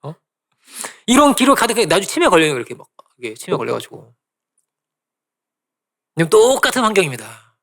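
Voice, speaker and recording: Man, pastor, sermon, gravelly voice, fast lively delivery, church sanctuary. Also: high voice. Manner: animated preaching with frequent tag questions to the congregation.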